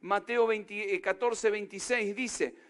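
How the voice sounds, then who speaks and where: A pastor with an Argentine Spanish accent preaches a sermon in a voice that sits high, steady and a bit bright, moving a little slowly. He's emphatic and keeps throwing rhetorical questions at the congregation.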